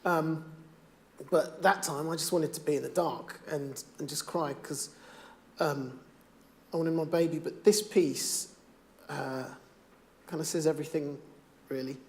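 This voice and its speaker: A middle-aged father speaking on stage, performing spoken word poetry with a rhythmic, rhymed delivery that swings from hushed to loud. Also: fairly high pitch, steady tone, unhurried.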